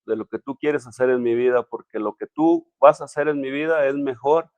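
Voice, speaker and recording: A man, a pastor, telling his personal testimony in a halting, emotional way with many restarts. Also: mid-range voice, darkish tone, no room sound, highs cut off. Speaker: pastor, interview guest.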